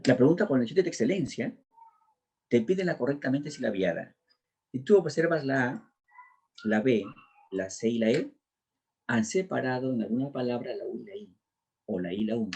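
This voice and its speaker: A man's voice: mid-range voice, darkish tone, slight background noise. A man teaching a pre-university exam class, working through language questions one by one in a drilling lecture style. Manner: drilling, walks through answers step by step.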